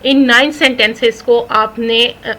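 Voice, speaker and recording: A woman teaching an English lesson in Urdu, reading English phrases slowly and explaining each one. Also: on the high side, steady tone, sharp tone, low-quality recording. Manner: mixes English words into Urdu. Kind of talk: recorded spoken English lesson.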